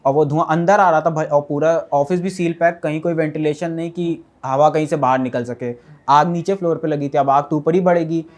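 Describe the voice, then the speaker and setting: A man who survived a fire, giving an earnest, rambling eyewitness account to an interviewer with many fillers. He often drops to a quieter voice as he recounts it. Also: on the high side, steady tone, a little fast.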